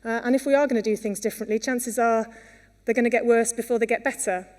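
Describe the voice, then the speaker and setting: A Welsh woman delivers an earnest conference talk in a hall with long reverb, her speech full of fillers and restarts. Her voice sits fairly high and sounds a little mellow, with fairly even intonation and a quick pace.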